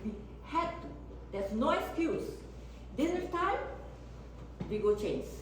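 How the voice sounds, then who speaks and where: Older woman, deliberate repetitive teacher delivery, distant mic, faint background noise. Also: mid-range voice, expressive, very echoey. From Indonesia. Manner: didactic, emphatic, with deliberate word-by-word listing and repetition. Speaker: etiquette teacher. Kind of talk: informal class lecture to family. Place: echoey indoor room, mic at a distance.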